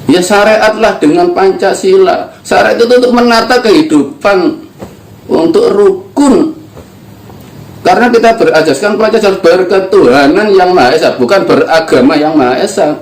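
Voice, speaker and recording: An older man from East Java, Indonesia, speaks at a normal speed in a high-sitting voice. He is a spiritual teacher delivering an earnest, emphatic religious lesson. The room he's in is echoey.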